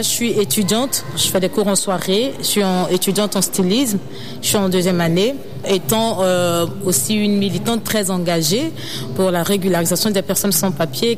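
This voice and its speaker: A young woman from Ivory Coast, a student designer and activist, answering interview questions earnestly, often pausing with fillers. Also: mid-range voice, over music. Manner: earnest, hesitant with many fillers.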